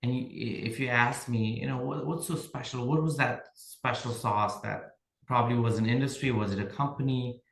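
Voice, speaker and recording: A Nepali man appears as a podcast guest, reflecting on leadership and sharing workplace stories in casual conversation, often checking in with "right?". His medium-pitched voice keeps a fairly even intonation at a moderate pace, in an echoey room.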